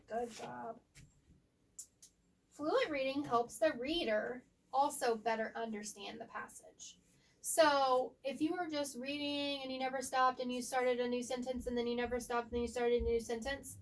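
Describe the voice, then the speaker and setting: A woman tutoring a student one-on-one in reading, asking patient guiding questions and explaining slowly, sometimes softly. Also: fairly high pitch, a little hiss or hum. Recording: voice picked up from a distance.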